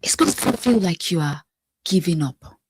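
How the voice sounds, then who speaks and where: A woman's voice: fairly low pitch, expressive, husky, no echo. Woman life coach, motivational delivery, preacher-like rhythm with whispered asides, dry recording. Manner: emphatic, repetitive, preacher-like cadence with pauses. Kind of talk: motivational talk to camera.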